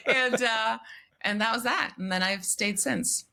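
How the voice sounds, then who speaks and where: A woman in her forties, raised in Croatia, telling her life story as a podcast guest in a brisk, self-deprecating way, often laughing. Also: fairly high pitch, gravelly, pushed and bright. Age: 40s. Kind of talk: candid interview storytelling.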